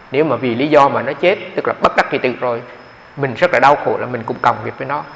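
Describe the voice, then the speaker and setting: A man, a Buddhist monk telling a story in a dharma talk, with quoted dialogue and halting repetitions. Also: mid-range voice, vocal fry, fairly bright tone, slight background noise. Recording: dull, hall reverb.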